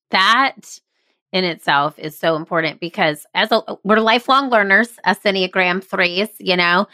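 A woman's voice: on the low side, pushed and bright, clear, resonant tone, dry recording, studio quality. Eager woman podcast host. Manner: eager, affirming interviewer. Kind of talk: casual interview chat.

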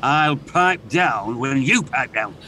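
Man cast as a touchy gym regular: indignant, bickering, bright lively voice. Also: mid-range voice, slow pace, slight background noise. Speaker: grumpy older gym regular. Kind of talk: sitcom acting.

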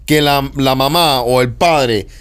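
A man's voice: mid-range voice, takes it slowly, a bit bright, smooth. A man in a casual podcast debate who argues emphatically and keeps calling others "brother". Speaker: podcast co-host.

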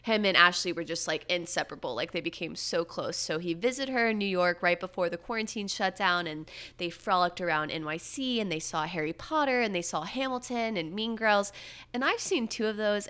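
A woman hosting a casual pop-culture chat, gossipy and sarcastic, with lively swoops up in pitch. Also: fairly quick, smooth. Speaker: podcast host.

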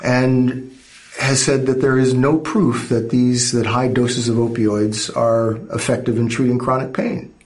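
A man's voice: mid-range voice, level tone, measured pace, darkish tone, low-quality recording. A man interviewing for an investigative news exposé, with pointed, pressing questions.

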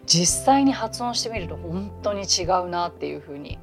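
A woman who teaches English, talking in a chatty, animated way as she hosts a casual podcast lesson, with quick asides. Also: lowish voice, music in the background.

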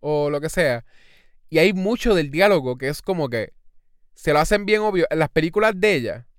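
A man talks through a film review in loose, rambling podcast chat. He slips English phrases into his sentences and leans on fillers. His voice is smooth and clear, recorded close and dry. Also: on the high side, lively intonation, moderate pace, no echo. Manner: rambling, mixes English words into Spanish, many fillers. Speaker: podcast co-host.

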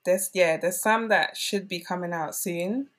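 Her pitch sits fairly low and her tone is a bit bright as she takes her time. As a guest on a podcast, this Englishwoman spins chatty, casual anecdotes loaded with "like."

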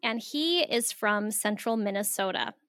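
Bright, earnest American woman guest. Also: medium pitch, expressive, unhurried, dry recording, clean studio sound. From American Southwest, US. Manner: earnest, exhorting, laughs easily. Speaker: podcast guest, author. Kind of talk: interview conversation.

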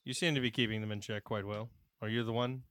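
Stern bossy guard captain, a guy doing the voice, talks down to everyone, bright tone. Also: fairly low pitch, steady tone, quick pace, dry recording, lightly acted. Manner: commanding, condescending. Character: stern, imperious male palace guard captain.

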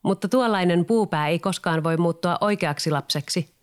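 A man's voice: sits high, clean tone, close to an everyday voice. A man voicing a know-it-all magic cricket who teases and lectures. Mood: teasing. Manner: teasing, lecturing.

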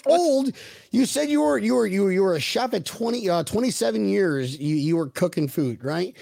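A man's voice: high-pitched, animated, normal speed, vocal fry, a little mellow, a little hiss or hum. A man hosting a casual podcast, rowdy and teasing, firing off questions at his guests. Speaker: podcast host.

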